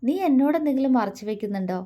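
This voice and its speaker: A woman's voice: high voice, animated, fast, voice pushed up. A woman voicing a tender, protective young man who coaxes and comforts his lover. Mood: tender firm. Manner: soft, affectionate, coaxing.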